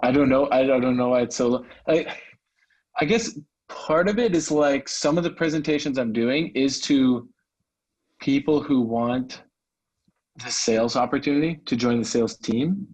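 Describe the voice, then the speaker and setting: On a roughly recorded phone call, a man with a mid-range, darkish voice talks at a normal speed. He's a salesman and prospective coaching client, speaking casually and candidly in a slightly self-effacing way.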